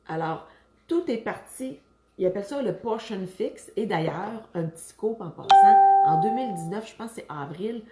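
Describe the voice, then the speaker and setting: A woman's voice: medium pitch, darkish tone, reverberant. A woman with a Quebec French accent, a fitness coach giving casual advice, chatty and full of fillers and restarts. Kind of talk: casual talk to camera.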